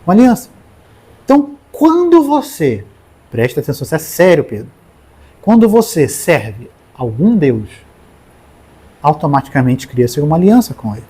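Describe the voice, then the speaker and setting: A man's voice: a little high, moderate pace, long pauses, slightly rough. A man with a Brazilian Portuguese accent preaching a sermon, calling on listeners in the congregation by name. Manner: animated, talks straight to the congregation by name.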